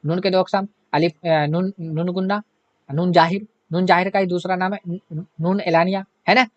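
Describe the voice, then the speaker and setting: High-voiced man quizzing his class. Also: fairly even intonation, moderate pace, no room sound, lo-fi sound. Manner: asks the class questions and answers them himself; repetitive, keeps adding "hai na". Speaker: Urdu grammar teacher. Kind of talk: online grammar lesson.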